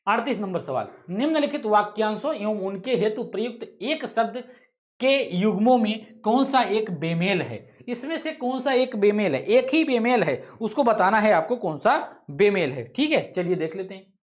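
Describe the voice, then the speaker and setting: In an online exam-prep class, a male teacher goes over each question again, musing aloud, correcting himself and chatting casually with students. His voice sits high and is very animated, moving at normal speed.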